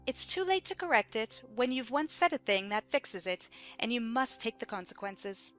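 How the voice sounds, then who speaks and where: Woman playing a haughty, lively-voiced Red Queen. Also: a little high, moderate pace. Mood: imperious. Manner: haughty, contradicting, schoolmistress-like. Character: bossy, pedantic Red Queen, an imperious chess-piece monarch. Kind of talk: dramatized audiobook acting. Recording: music behind the voice.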